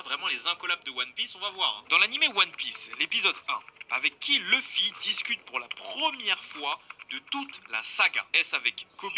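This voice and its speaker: A man's voice: high-pitched, bright, forceful tone. A young man hosting a casual anime quiz, playful and teasing, chatting to viewers like buddies. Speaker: quiz host and streamer.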